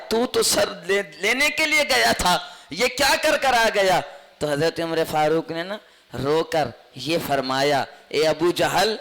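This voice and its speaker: A man's voice: high voice, bright, forceful tone. A man with a Pakistani Urdu accent tells a devotional story as a sermon, emotive and repeating lines for emphasis. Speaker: religious speaker.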